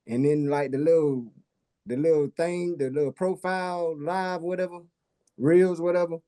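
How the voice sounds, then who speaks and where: A man talks casually on a discussion panel. His voice is warm and mellow, a little higher than most men's, and he drawls in slang, letting thoughts trail off. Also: fairly even intonation, moderate pace, clear, resonant tone.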